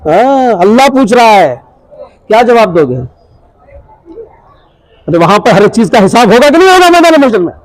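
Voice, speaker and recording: A man with a Hyderabadi Urdu accent preaching a fiery religious sermon at a shrine festival, shouting rhetorical questions at his listeners. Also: very high voice, very animated, moderate pace, pauses often, rough recording. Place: outdoor religious gathering.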